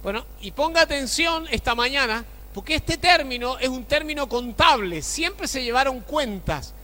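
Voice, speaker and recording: A man's voice: very high-pitched, lively intonation, normal speed, bright, forceful tone. A male pastor preaching a sermon, checking in with the congregation through rhetorical questions. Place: church. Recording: church hall with long reverb.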